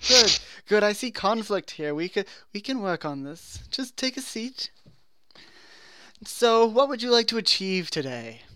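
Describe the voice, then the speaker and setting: Stern English therapist, measured questions, put-on British accent, higher voice, dry sound, man performing. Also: sing-song, sharp tone, smooth, no room sound, heavily acted. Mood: probing.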